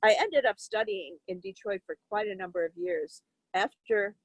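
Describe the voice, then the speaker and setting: An older woman recalls her early years in music in an easy interview style, pausing and restarting as she goes. Her voice is of middle pitch and sounds close and dry, with no room around it. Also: very animated, creaky, no room sound, poor audio. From Turkey. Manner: reflective, warm storytelling with fillers and restarts. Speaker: interviewee, violinist. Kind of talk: conversational interview.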